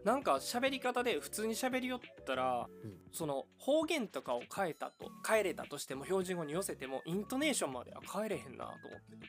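Lively Kansai-accented man chatting. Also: sits high, brisk, faint music behind. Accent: Kansai Japanese. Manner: animated, laughs often, teasing. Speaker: podcast co-host. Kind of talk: casual chat.

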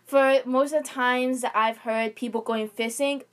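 A young woman in casual chat, co-hosting and calmly explaining her views at length. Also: fairly high pitch, measured pace.

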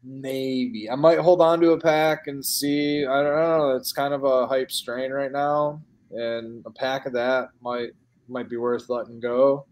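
A man's voice: medium pitch, steady tone, measured pace, darkish tone. A man with a Midwestern American accent hosting a casual podcast chat, rambling with plenty of fillers and calling people dude and man.

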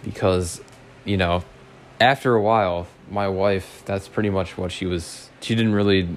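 Slow-talking man with a raspy smoker's voice. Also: low-pitched, fairly even intonation, slight background noise. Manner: laid-back, profane, slangy. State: hoarse after a night out. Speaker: podcast host. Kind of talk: casual solo podcast chat.

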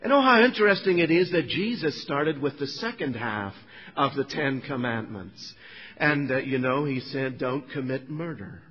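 Earnest preacher in a hall. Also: male voice, medium pitch, expressive, moderate pace, breathy edge, highs cut off. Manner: earnest storytelling with asides to the congregation. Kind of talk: sermon testimony.

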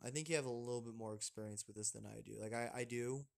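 A man co-hosting a casual podcast, relaxed and chatty, laughing often and restarting his sentences. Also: medium pitch, fast, gravelly. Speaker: podcast co-host. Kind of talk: casual chat.

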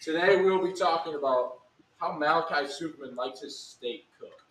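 A man's voice: on the high side, normal speed, a bit bright. A young man co-hosting a casual podcast, playful and joking, with mock announcer bits. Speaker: podcast co-host. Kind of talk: casual chat. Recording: echoey room, slight background noise.

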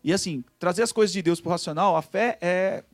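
A man hosting a casual religious talk, animated and preachy, saying "cara" often. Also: sits high, fairly quick, no room sound, faint music behind. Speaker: podcast host.

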